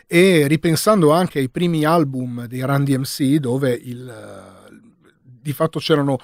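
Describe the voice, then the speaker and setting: Dry-voiced man, halting interview talk. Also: medium pitch, no room sound. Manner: slow, halting explanations with many pauses. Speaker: rapper and interview guest.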